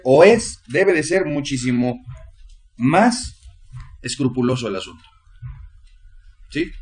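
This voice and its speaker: Earnest preacher praying and teaching. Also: male voice, medium pitch. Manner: earnest, repetitive address in prayer. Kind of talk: prayer and sermon.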